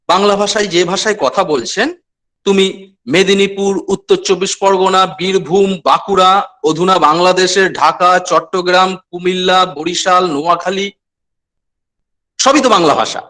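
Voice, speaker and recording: A man from West Bengal giving a lecture to students, repeating key phrases and speaking to them directly in a measured, explanatory way. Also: sits high, a bit bright. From West Bengal, India. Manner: measured explanatory delivery with pauses. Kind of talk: online lecture.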